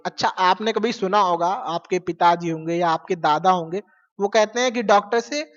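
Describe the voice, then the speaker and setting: A male teacher explains science in a casual, conversational lecture. He keeps asking questions and answering them himself, repeating key terms. The recording sounds dull and lo-fi, and the voice trails off into a long echo. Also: sits high. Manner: casual, mixes English terms into Hindi. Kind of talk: classroom lecture. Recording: lo-fi with long reverb.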